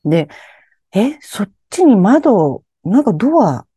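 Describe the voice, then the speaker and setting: A woman's voice: medium pitch, big pitch swings, slow pace, dark tone, husky, no echo, studio quality. A woman telling her own strange, eerie experiences in conversation, animatedly acting out her startled reactions.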